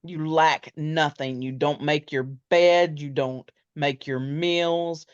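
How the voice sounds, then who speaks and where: Podcast co-host, woman, low pitch, dry humor, slightly dull recording. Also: steady tone, slow pace, smooth, dry recording. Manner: candid, dry humor, laughs easily. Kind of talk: casual faith chat. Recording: dull, slightly muffled sound.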